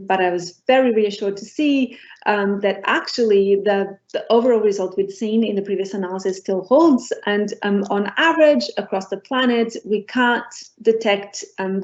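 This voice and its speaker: A middle-aged woman from Portugal giving an academic lecture as a professor, pausing often on ums and restarting her phrases. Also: mid-range voice, darkish tone. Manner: hesitant, many ums and restarts. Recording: dull lo-fi recording.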